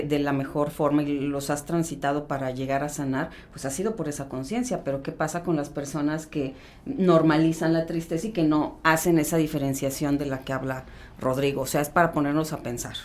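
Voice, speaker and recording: A woman's voice: low voice, steady tone, brisk, slight background noise. A woman co-hosting a podcast, reflecting thoughtfully and posing rhetorical questions. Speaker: podcast co-host.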